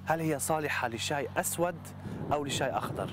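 A man's voice: on the high side, heavy background noise. A male TV reporter delivering scripted news narration and asking questions on location. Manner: brisk and lively.

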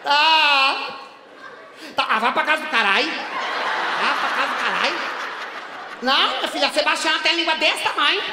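Man doing a loud gossipy indignant woman. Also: extremely high pitch, normal speed, pauses often, very noisy. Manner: loud, gossipy, dramatic, shouting bursts. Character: brash indignant woman caring for her hospitalized father. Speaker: stand-up comedian. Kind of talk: stand-up character monologue. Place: theater stage at a live show. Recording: echoey hall, from far off.

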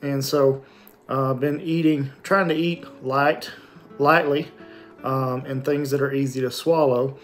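Halting middle-aged man, sore after surgery. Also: medium pitch, steady tone, faint music behind. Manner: halting, matter-of-fact, frequent pauses and throat clearing. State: sore throat, swollen numb lip and jaw after surgery. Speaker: vlogger giving a post-surgery recovery update. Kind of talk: casual unscripted video diary. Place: small indoor room at home with shelves. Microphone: phone or webcam at arm's length.

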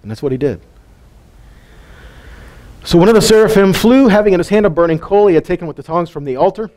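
A man's voice: high voice, lively intonation, quick pace, darkish tone. Folksy man teaching a sermon. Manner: folksy, plain-spoken storytelling. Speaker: Bible teacher.

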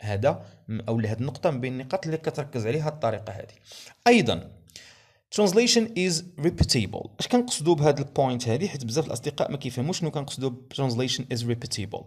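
A young man with a Moroccan Arabic accent lecturing on language teaching methods. He reads English headings slowly, then explains them in Darija. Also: mid-range voice, lively intonation, darkish tone.

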